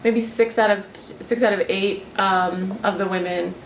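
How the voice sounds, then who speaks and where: In this interview, a young woman talks through her research at a moderate pace, her medium-pitched voice fairly even in intonation. She pauses on fillers and restarts her sentences as she thinks. The sound is roomy and somewhat distant, with faint ambience and a little hiss or hum.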